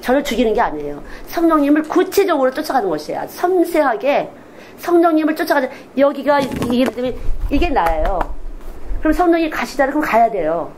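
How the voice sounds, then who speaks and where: Animated woman preaching a sermon. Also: high-pitched, a little fast, a little hiss or hum, rough recording. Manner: animated, acts out quoted speech in different voices; candid and confessional. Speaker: children's missionary preacher. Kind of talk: sermon at Sunday worship.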